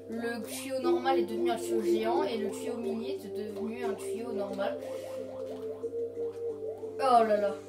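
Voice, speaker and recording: A woman giving casual let's-play commentary on a video game. She is excitable, yelps when startled and repeats phrases to calm herself. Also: fairly high pitch. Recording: roomy sound with loud game music.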